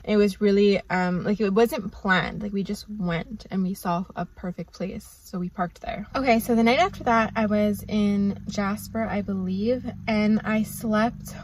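A woman's voice: mid-range voice, fairly even intonation, unhurried, few pauses, a little mellow, a little hiss or hum. A woman, chatting casually to a camera from the seat of her parked car, rambling with lots of "like" and "um". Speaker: vlogger. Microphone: camera on dashboard.

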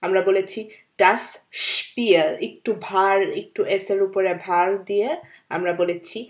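A woman's voice: mid-range voice, level tone, a little mellow. Woman patiently teaching beginner German. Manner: slow, repeats example words one by one, with fillers. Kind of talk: beginner language lesson.

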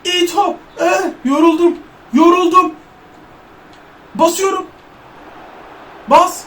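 A man giving loud, excitable gameplay commentary, joking in first person as an overweight footballer and cursing at his teammates. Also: very high-pitched, takes it slowly. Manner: loud, excitable, trash-talks and curses at teammates. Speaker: gaming YouTuber.

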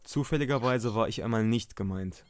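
A man playing a matter-of-fact documentary narrator, speaking in a measured, deadpan way in a scripted parody. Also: on the low side, dry recording, close to an everyday voice. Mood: detached, deadpan.

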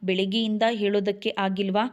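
A woman's voice: mid-range voice, little pitch movement, a little fast, dull audio, close to an everyday voice. A woman voicing an angry, scornful young husband who scolds harshly. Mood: angry scolding.

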